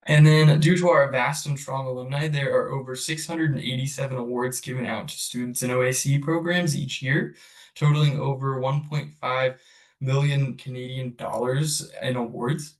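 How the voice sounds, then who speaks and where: A man's voice: medium pitch, steady tone, moderate pace. A man walks through a school presentation on a video call with some hesitant fillers. His mid-range voice comes from a distance. The room around him is echoey. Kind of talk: webinar presentation. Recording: roomy, distant from the mic.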